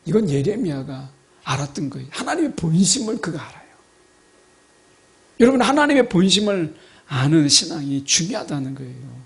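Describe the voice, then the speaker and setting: A man's voice: fairly high pitch, very animated, moderate pace, creaky. A male pastor preaching a sermon, asking the congregation rhetorical questions and reading scripture aloud with dramatic emphasis.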